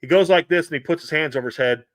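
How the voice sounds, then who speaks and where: A man hosting a live sports talk show, talking in an animated, rambling way with frequent restarts. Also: a little high, very fast, no room sound, studio quality. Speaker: podcast host.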